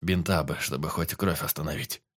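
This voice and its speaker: A man reading the part of a badly wounded forester, speaking low, weak and broken, gruff and used to giving orders. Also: fairly even intonation, moderate pace, fairly bright tone, dry recording, clean studio sound. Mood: weak, strained. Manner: strained, breathless, low and broken.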